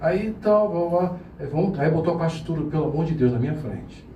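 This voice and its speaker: A man who is a pianist, telling a story to a live audience in an animated, laughing way and acting out the voices he quotes. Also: fairly high pitch, brisk, dull audio, slight background noise. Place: room with a small audience. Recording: echoey room, mic at a distance.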